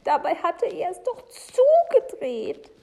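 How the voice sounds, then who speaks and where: A flustered older housekeeper frets in a high, strained voice, circling back to the same words. A woman reads her lines in a children's storybook. The voice is loud and up in the register. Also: huge pitch swings, slow, vocal fry, heavily acted. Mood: fretful. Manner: anxious, repetitive muttering.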